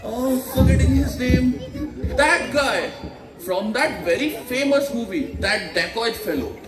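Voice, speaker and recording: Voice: mid-range voice, expressive, a little slow, over loud music, close to an everyday voice. A performer playing a chatty, flustered outgoing king of ghosts in an amateur comedy skit, talking theatrically in office jargon. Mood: resigned. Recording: echoey stage recording with clear background noise.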